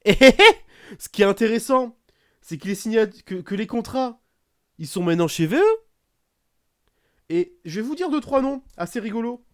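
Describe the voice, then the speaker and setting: A man's voice: on the high side, no echo, studio quality. Sarcastic French-speaking podcast host man. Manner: sarcastic, animated, frequent fillers. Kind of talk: casual wrestling podcast chat.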